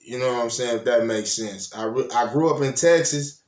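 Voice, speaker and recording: A man's voice: mid-range voice, moderate pace. Laid-back man telling stories in a roomy space. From Toledo, Ohio, US. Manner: rambling and laid-back, often adds "you know what I'm saying". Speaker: host. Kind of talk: casual personal storytelling. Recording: roomy echo.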